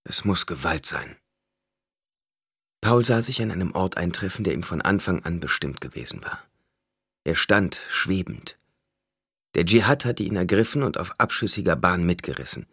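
A man narrating an audiobook in a measured, solemn reading. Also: sits low, expressive, a bit bright, breathy edge, dry recording, clean studio sound. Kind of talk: scripted narration.

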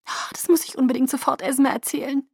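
Bubbly young woman, high and sing-song, pushy with excitement, read by a woman. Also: normal speed, dry recording, clean studio sound. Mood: cheerful.

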